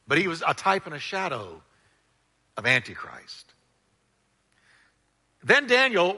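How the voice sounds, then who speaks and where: A pastor preaches loudly at medium pitch, his delivery emphatic and dramatic, with stressed, drawn-out words. He has the congregation repeat phrases after him, and a long hall reverb trails his voice.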